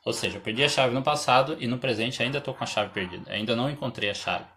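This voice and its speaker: A Brazilian man teaching English in a live stream, explaining slowly, reading example sentences aloud, clearing his throat often and answering viewers' questions. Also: medium pitch, sharp tone, a little hiss or hum. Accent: Brazilian Portuguese. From Santa Catarina, Brazil.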